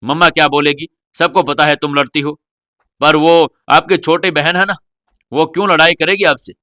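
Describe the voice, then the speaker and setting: A man playing a gentle, teasing father who is recovering in bed, in an audio story. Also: on the high side, steady tone, moderate pace, no echo, studio quality. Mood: fond.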